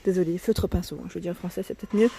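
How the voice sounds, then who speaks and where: A vlogger walks through a store aisle showing new arrivals, chatting casually, often correcting herself, and sometimes dropping to a near whisper, her voice cracking early in the morning. Her voice is on the low side and creaky, she talks rapid-fire, and the background is noisy.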